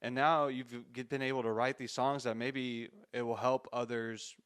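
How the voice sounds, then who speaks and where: A man's voice: mid-range voice, little pitch movement, normal speed, a bit bright, clear, resonant tone. A man in his thirties hosting a faith-based interview, reflective and encouraging, with frequent restarts. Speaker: podcast host.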